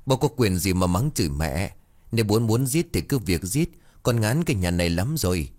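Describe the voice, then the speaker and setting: A man voicing a headstrong, bitter teenage girl who shouts back defiantly in a storybook reading. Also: lowish voice, big pitch swings, normal speed.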